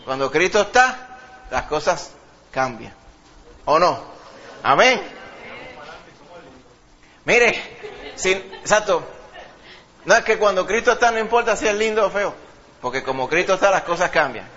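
A man preaching a lively sermon, calling his listeners brother. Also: sits high, measured pace, pauses often, lo-fi sound, a little hiss or hum. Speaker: pastor.

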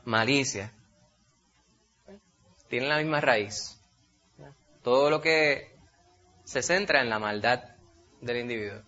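Man, preaching, lively rhetorical questions, bright sharp tone, muffled lo-fi sound. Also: mid-range voice, takes it slowly, pauses often. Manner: animated, rhetorical questions, addresses listeners as brother. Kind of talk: sermon. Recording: dull lo-fi recording.

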